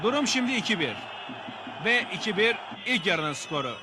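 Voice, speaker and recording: A man narrating football match highlights as the commentator. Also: very animated, moderate pace. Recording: loud crowd noise behind, noisy outdoor audio. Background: stadium crowd.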